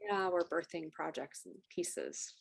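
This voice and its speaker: A woman's voice: low-pitched, unhurried, vocal fry, husky. A woman chatting as a guest over a video call, chatty and playful. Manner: chatty and playful, often laughing.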